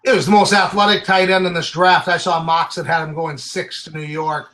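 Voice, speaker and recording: A man's voice: on the high side, level tone, fairly quick, fairly bright tone. A man giving opinionated, casual sports commentary as a draft analyst.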